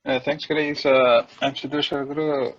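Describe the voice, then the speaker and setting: A man's voice: medium pitch, flat delivery, moderate pace, lo-fi sound. A man program lead briefly introducing himself in an online meeting, plain and slightly hesitant. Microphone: video call.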